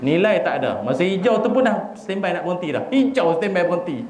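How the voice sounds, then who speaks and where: A man with a Malaysian accent giving a humorous sermon, animated and joking as he acts out little scenes. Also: sits high, a little fast, slight background noise. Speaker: preacher. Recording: echoey hall with faint ambience.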